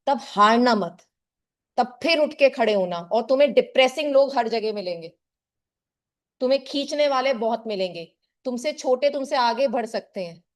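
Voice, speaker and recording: A middle-aged woman teacher speaks to her students in an earnest, lecturing way. She gives them firm advice about life and calls them "child." Her voice sits a little high for a woman. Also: expressive, normal speed. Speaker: tuition teacher. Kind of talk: motivational talk to a class.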